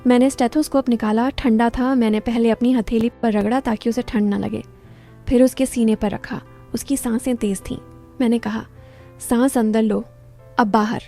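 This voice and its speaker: Mellow woman telling a first-person story. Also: a little high, moderate pace, faint music behind. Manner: calm, intimate storytelling.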